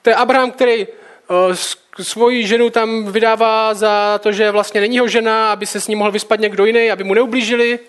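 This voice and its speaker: Male preacher, high-pitched, alternates Bible reading with relaxed everyday commentary. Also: clean tone. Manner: reads scripture, then comments casually.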